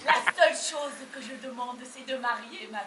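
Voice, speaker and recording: A woman on a theatre stage playing a bossy, exasperated mother of the bride who shouts and interrogates. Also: a little high, moderate pace, close to an everyday voice. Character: bossy, frantic middle-aged mother of the bride. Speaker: stage actor. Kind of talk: live stage comedy acting. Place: farm theatre stage, live audience. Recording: echoey room, far off, faint hiss.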